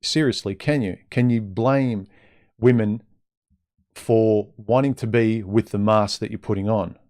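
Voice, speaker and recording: A livestream host giving dating advice delivers an opinionated, off-the-cuff monologue to his live chat, blunt and conversational, addressing listeners directly with rhetorical questions. His fairly low, slightly mellow voice has fairly even intonation and a measured pace. It sounds slightly muffled and impeded, as if he's wearing a mouthguard.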